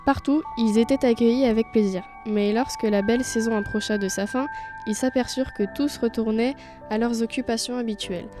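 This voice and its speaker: A woman reading a fairy tale aloud in a clear, measured storybook style. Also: fairly high pitch, steady tone, music in the background. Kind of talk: storybook narration.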